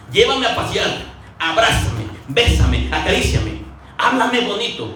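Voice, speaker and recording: A male preacher with a high voice gives a sermon in a conversational, storytelling way, acting out the quotes he tells. He is recorded from a distance in a very echoey hall with faint ambient noise behind him. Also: bright, forceful tone.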